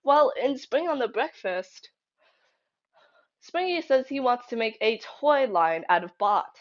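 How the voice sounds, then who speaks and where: Gravelly, expressive, and on the high side, the young woman's voice moves at an unhurried pace as she delivers casual fan theory commentary. She's emphatic and conversational, thinking aloud, captured in a slightly dull lo-fi recording at home.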